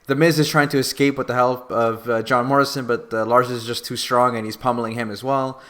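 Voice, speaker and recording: A man's voice: medium pitch, fairly even intonation, brisk, fairly bright tone. A man co-hosting a wrestling podcast, recapping the show play by play in a casual chat with dry sarcasm. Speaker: podcast co-host.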